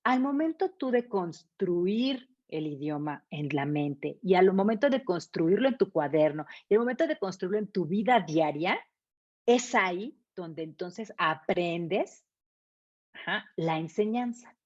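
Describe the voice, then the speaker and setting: A woman's voice: on the low side, expressive, measured pace, darkish tone. A woman, an English teacher explaining her method in an interview with emphatic repetition and rhetorical questions. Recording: dull lo-fi sound.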